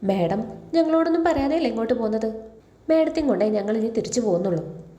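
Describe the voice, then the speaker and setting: A woman reading the lines of a gentle, resilient young woman in a serial recap. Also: on the high side, expressive, fast talker, roomy sound, natural voice. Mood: resolute. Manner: soft, caring questions.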